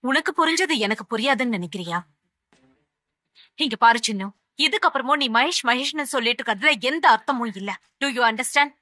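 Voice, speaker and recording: A woman's voice: high-pitched, lively intonation, a little fast, bright, forceful tone, dry recording, clean studio sound. An actress playing a firm, protective mother who is a lawyer, lecturing her crying daughter in a TV serial scene. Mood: stern. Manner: firm, lecturing, mixes in English phrases. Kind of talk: TV serial drama acting.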